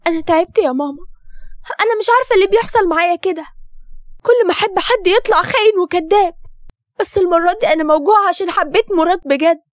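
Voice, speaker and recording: A woman with an Egyptian accent voicing a hurt, tearful young woman in an animated story. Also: extremely high pitch, quick pace. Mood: sad.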